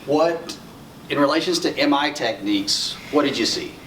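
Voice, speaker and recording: A middle-aged Arkansas native from the United States presents a conference workshop in a medium-pitched, fairly bright voice with lively intonation and normal speed. Conversational in manner, he quizzes the audience and repeats their answers aloud. Recorded on a distant mic, the conference room sounds roomy with faint noise.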